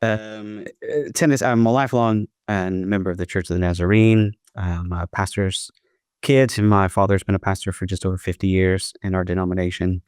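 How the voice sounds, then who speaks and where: A man's voice: low-pitched, fairly even intonation, normal speed, darkish tone, smooth, dry recording, studio quality. A middle-aged man from the southern United States, a college principal talking as a podcast guest in an earnest, conversational way. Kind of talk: podcast interview.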